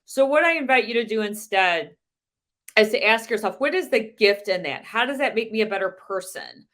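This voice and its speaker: A woman giving a measured, deliberate motivational talk as a sales coach, asking the listener many rhetorical questions. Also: a little high, animated, fairly bright tone. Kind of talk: motivational presentation.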